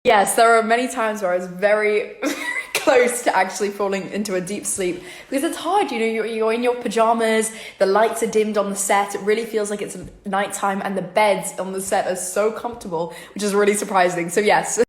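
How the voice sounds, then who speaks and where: This casual vlog Q&A features a teen actress at home in her kitchen, fielding fan questions. Born in New York and raised in London, she speaks mostly British with occasional American slips, in a mid-range voice a bit on the fast side. She's chatty, giggles lightly, says "really, really," and the room echoes.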